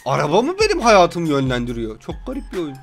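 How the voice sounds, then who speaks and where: A young man commentating a game he is playing, excitable, joking and yelling at what happens on screen. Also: fairly high pitch, fast, faint music behind. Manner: excitable, yells and jokes at the game. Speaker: gameplay commentator. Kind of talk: gameplay commentary.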